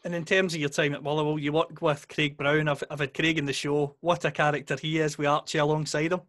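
A man's voice: on the high side, little pitch movement, quick pace, a bit bright, no echo, clean studio sound. A man with a Scottish accent hosting a show, putting casual interview questions to a guest.

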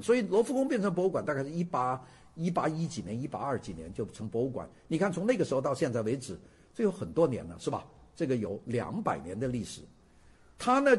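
A man's voice: medium pitch, a little mellow, slightly rough. An older man lecturing to students in a casual storytelling way, often putting questions to the audience.

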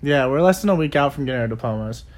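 A man's voice: medium pitch, lively intonation, very fast. A teenage boy co-hosting a casual podcast with his girlfriend, joking around playfully. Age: teens. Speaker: podcast co-host.

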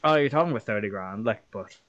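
A man's voice: on the low side, lively intonation, quick pace, a bit bright, lo-fi sound. An Irish man co-hosting a casual podcast chat, joking, swearing freely and laughing often. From Ireland. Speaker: podcast co-host.

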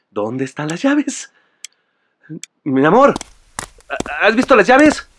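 A man's voice: sits high, wildly swooping pitch, drawn-out words, a bit bright, slight background noise, exaggerated voice. An actor playing a frantic husband, stammering in a flustered rush as he hunts for his keys.

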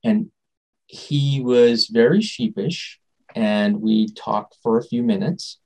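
A man being interviewed as a guest, telling a personal story in a rambling, animated way and often trailing off and restarting. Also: mid-range voice, slow, low-quality recording. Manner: animated, acts out quoted dialogue.

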